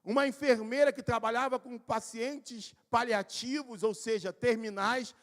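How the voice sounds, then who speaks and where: High-voiced pastor in a reverberant hall. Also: male voice, fairly even intonation, measured pace. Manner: conversational, addresses listeners by name; builds to shouted emphasis. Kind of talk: live church sermon, personal storytelling. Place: church service hall. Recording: long hall reverb, live-streamed service.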